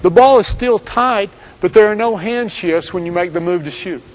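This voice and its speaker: A man giving scripted instructional narration as a basketball coach, speaking in steady, direct commands. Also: sits high, normal speed, soft background music, low-quality recording.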